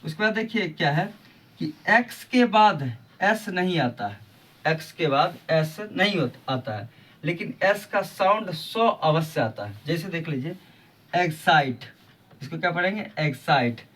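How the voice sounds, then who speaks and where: A man's voice: fairly high pitch, animated, moderate pace, a bit bright, far from the mic. A man teaching English pronunciation rules on his video channel, patiently repeating each example and asking rhetorical questions. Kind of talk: explaining a lesson on his channel.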